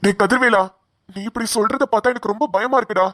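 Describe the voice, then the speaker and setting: A woman voicing a patient, bewildered middle-aged father in a cartoon, trying to calm a friend. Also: on the high side, quick pace, no echo, studio quality. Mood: puzzled. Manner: puzzled, placating. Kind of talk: cartoon voice acting.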